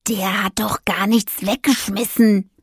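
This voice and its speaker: A sceptical talking tomcat from an audio storybook grumbles and hisses in a breathy half-whisper, as a woman reader puts him on. The voice is husky and grainy. Close, dry sound. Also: medium pitch, steady tone, a little slow, dry recording.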